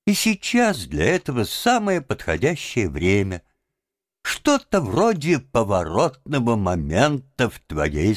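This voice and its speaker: Man playing a gentle, steady water rat, firm and friendly, storybook reading. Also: low voice, no echo, studio quality, heavily acted. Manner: firm but gentle, reasoning. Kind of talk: audiobook character voice.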